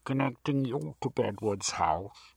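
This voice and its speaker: A man's voice: mid-range voice, lively intonation, a little slow, creaky, husky, no echo, voice pushed up, full character voice. A man reading a story aloud puts on a telegraph operator's voice, heard as tinny and metallic through a device.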